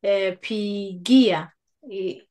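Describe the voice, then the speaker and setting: Middle-aged woman from Tanzania, Swahili tutor; patient, coaxing delivery at a slow, even pace. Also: medium pitch. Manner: patient, coaxing, affirming with frequent mm-hmm. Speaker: Swahili teacher. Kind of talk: one-on-one language lesson.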